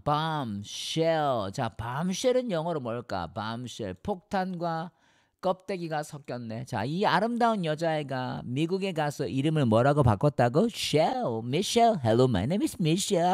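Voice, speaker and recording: A man's voice: a little high, darkish tone, dry recording, studio quality. A man teaching English vocabulary in a playful way, acting out little scenes to explain the words.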